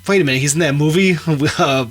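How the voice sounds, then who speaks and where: A man's voice: on the high side, quick pace. A man in his thirties co-hosting a podcast, telling stories with energy and laughing often. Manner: animated storyteller, laughs often. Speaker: podcast co-host. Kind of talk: casual podcast chat.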